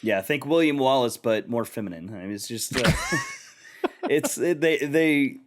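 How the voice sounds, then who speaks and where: A man's voice: medium pitch, lively intonation, a little slow, slight background noise. Rambling man telling stories on a podcast. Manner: rambling storyteller, many restarts. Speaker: podcast co-host. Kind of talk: casual podcast chat.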